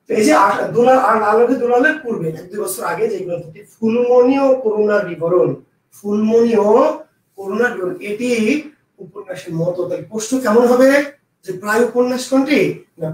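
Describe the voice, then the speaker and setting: Brief: high-pitched male teacher, exam-prep lecture, drills answers, distant mic in a very echoey room. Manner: repeats key answers, quizzes the students aloud.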